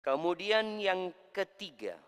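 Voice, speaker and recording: A man preaching a sermon to a congregation, speaking lively and acting out the voices he quotes. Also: sits high, slow pace, smooth. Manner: lively, addresses listeners as "antum", acts out quoted voices. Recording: long hall reverb.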